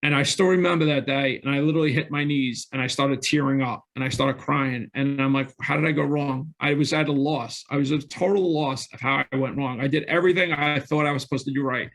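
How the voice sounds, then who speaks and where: On an interview show, a middle-aged real estate investor tells his own story in a fairly quick, steady, medium-pitched voice with a fairly bright tone and hardly any pauses. He's earnest and frank, often breaking off to restart or correct his sentences.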